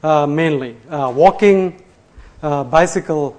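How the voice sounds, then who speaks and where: A man with a fairly high voice gives a live technical talk in front of a room. His delivery is loose and conversational, full of fillers and restarts, and he chuckles at his own slips. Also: slow, a little mellow. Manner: loose and chatty, many fillers and restarts, laughs at himself. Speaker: conference presenter. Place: lecture room before an audience.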